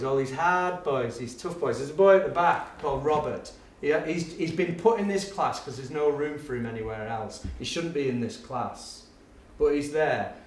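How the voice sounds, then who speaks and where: An animated man with a fairly high voice tells classroom tales to a live audience, a teacher and education speaker spinning anecdotes. He is lively and self-mocking and acts out the voices in his stories. The room is echoey, his voice is picked up from a distance, and there's slight background noise.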